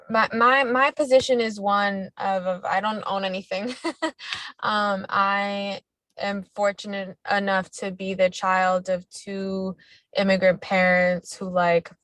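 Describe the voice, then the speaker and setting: A young woman joins a community meeting's casual video-call discussion from inside her car while driving. She speaks hesitantly, with many restarts and ums, in a medium-pitched, slightly bright voice. There's no room sound.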